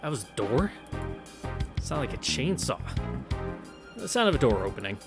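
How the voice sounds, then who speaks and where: Over game music, a man casually narrates a visual novel, mixing in wry, profane remarks as a let's play host. His medium-pitched voice swings widely in pitch at a moderate pace.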